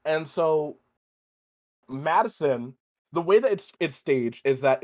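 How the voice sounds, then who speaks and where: A man hosting a podcast, chatting casually about a movie, animated, swearing freely and laughing often. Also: fairly high pitch. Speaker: podcast host. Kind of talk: casual movie review chat.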